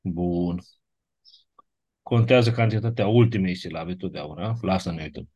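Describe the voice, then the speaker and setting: A man's voice: low-pitched, dark tone, husky, highs cut off. A man teaching a class, going methodically through grammar rules and checking understanding with short tag questions. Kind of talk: classroom lecture reviewing grammar.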